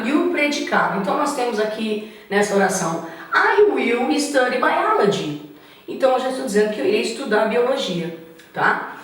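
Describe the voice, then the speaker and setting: A woman with a Brazilian Portuguese accent teaching an English grammar lesson. She asks rhetorical questions, answers them herself, and slows down to spell out each example sentence. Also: on the high side. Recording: very echoey room, some distance from the mic.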